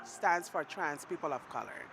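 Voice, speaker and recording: A woman from Barbados, speaking in a documentary interview, emotional and halting, laughing softly through hard memories. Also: low-pitched, animated, vocal fry, over music.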